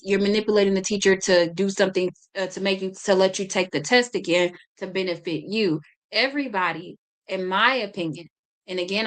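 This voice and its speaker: A woman's voice: medium pitch, fairly bright tone. A woman hosting a podcast, chatting casually, talking a lot and often stumbling and restarting her sentences. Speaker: podcast host.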